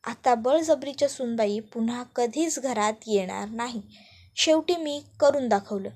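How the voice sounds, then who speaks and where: A scheming young woman, voiced by a female narrator, mutters sly asides to herself in a high voice. The tone stays secretive and self-satisfied throughout this told serial drama. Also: measured pace, darkish tone. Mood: gloating.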